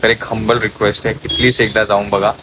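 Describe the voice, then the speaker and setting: A man's voice: fairly low pitch, flat delivery, fast talker, background noise. Chatty man vlogging at home. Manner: chatty, addresses viewers as friends. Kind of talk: casual home vlog narration.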